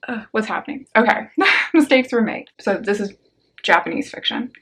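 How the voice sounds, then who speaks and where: A young woman casually chatting about a book haul on her vlog, slangy and upbeat, with quick asides. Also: a little high, a bit bright, slightly rough. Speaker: book vlogger.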